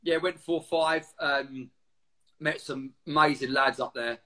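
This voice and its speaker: Essex bloke in his 40s, voice a bit on the high side, casual slangy sweary interview chat. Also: unhurried, bright, forceful tone. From Essex, England. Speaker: guest, former military serviceman.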